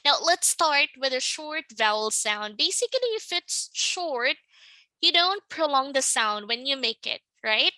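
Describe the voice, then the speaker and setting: A woman teaching English pronunciation in a slow, patient lesson, often checking in with the listener. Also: high voice, animated, bright, forceful tone, no echo, rough recording. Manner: patient, checks in with "right?" and "okay?".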